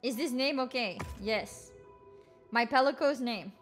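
A woman livestreaming a game with casual, expressive commentary and some swearing. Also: a little high, measured pace, soft background music.

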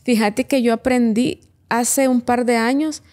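A businesswoman guesting on a podcast gives heartfelt personal testimony, reflecting earnestly on her own story and offering listeners advice. Her voice sits on the high side, a little mellow, with a steady tone and a slightly slow pace.

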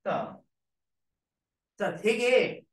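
An English teacher lectures middle school students on grammar, repeating each point and checking in with them often. The voice is mid-range with huge pitch swings and a very slow pace, recorded in an echoey room with the mic far off.

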